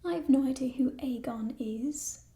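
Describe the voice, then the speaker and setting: A woman in an ASMR role-play as a playful, chatty thief, musing hesitantly in a burglar's hushed soft voice over stolen treasure. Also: high voice, normal speed. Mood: curious, sly. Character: playful, chatty female thief showing off stolen coins in a fantasy world.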